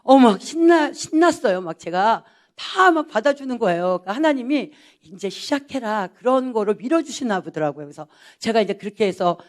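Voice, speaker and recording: A pastor's wife giving a personal testimony, telling her story in a lively way and acting out the dialogue. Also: fairly high pitch, a little fast. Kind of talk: personal testimony to a church audience.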